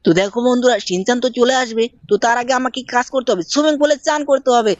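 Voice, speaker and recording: Talking straight to her audience, this gameplay narrator gives chatty, casual commentary on a mobile game and slips into character voices. She's on the high side and races through her lines, captured in a dry, lo-fi recording.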